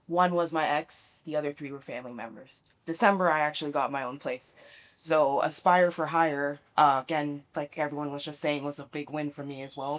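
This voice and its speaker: A woman giving a candid, emphatic account of hardship, her pace speeding up and slowing down. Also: deep voice. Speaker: former trades student.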